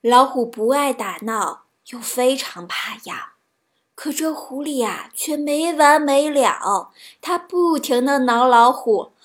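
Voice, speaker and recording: A woman reading children's stories aloud, in a gentle storybook narration with a soft delivery. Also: sits high, expressive, slow.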